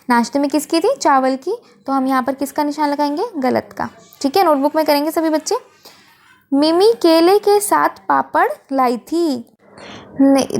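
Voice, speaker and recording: A woman teacher walking children through a worksheet, patiently asking questions and answering them herself, and sounding out sample words slowly and carefully. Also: sits high. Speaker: school teacher. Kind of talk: online worksheet lesson for children.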